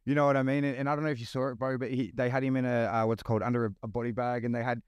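Fast-talking frat-bro podcast host, man. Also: mid-range voice, level tone, clear, resonant tone, no echo, lo-fi sound. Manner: hyped frat-bro talk, swearing and saying "bro" constantly. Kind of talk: casual podcast interview chat.

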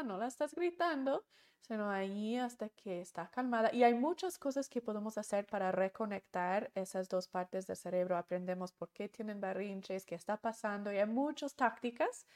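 A woman teaching a course lesson, acting out little everyday scenes in a soft, reassuring way. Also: mid-range voice. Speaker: course instructor.

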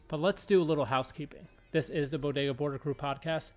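Relaxed high-voiced man hosting a podcast. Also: quick pace, soft background music. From Southern California. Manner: relaxed, filler-heavy rambling. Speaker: podcast host. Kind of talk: casual podcast intro and interview.

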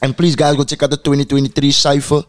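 With a Cape Town South African accent, a man delivers boastful, swaggering hype like a guest rapper, mixing street slang with Afrikaans phrases. His voice is a little high, fast, and flat in delivery.

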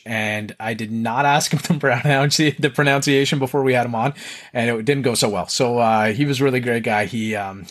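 A man hosting a podcast. He talks in a chatty, rambling way and often stops on "uh" and "you know". His pitch sits in the middle of the range. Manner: chatty, rambling, with many fillers. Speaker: podcast host. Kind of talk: casual interview.

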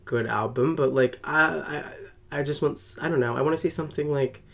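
A young man co-hosting a casual music chat podcast, rambling with lots of fillers and getting animated when he jokes. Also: fairly high pitch, fairly quick, vocal fry. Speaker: podcast co-host.

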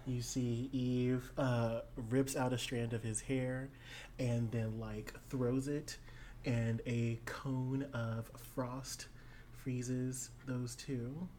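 A woman playing a tabletop game, excitable, with bursts of loud reactions. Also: extremely low pitch, drawn-out words, a little hiss or hum. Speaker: player. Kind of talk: casual tabletop play.

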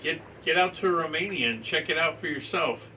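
Male podcast co-host, joking interjections, sharp bright voice, a bit distant. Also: on the high side, a little fast, slight background noise. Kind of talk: casual chat.

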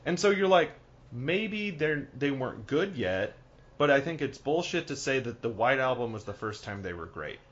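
Male podcast co-host, animated and rambling, middle pitch, slightly muffled recording. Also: moderate pace. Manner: animated, rambling, laughs often. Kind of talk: casual chat.

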